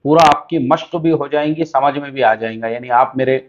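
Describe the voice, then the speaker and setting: A man's voice: mid-range voice, highs cut off. A man from India teaching a beginner's lesson on reading Arabic letters, drawing out each sound and explaining patiently. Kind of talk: Urdu Arabic-alphabet lesson.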